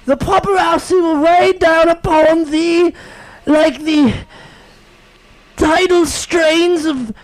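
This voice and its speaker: A man's voice: very high voice, steady tone, slow, low-quality recording. A man playing a melodramatic young prince who speaks in overblown, old-fashioned stage diction, in a comedy sketch. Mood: grandiose.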